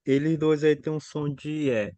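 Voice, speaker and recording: A man's voice: a little high, unhurried, dark tone, dry recording. Hesitant Brazilian man asking a question. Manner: hesitant, searching for words. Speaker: student. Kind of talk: question in an online class.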